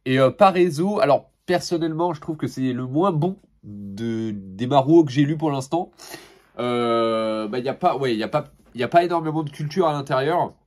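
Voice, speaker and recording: A man's voice: medium pitch, moderate pace, darkish tone. Casual chatty young man reviewing manga. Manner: laid-back, chatty, many fillers and restarts; laughs between remarks.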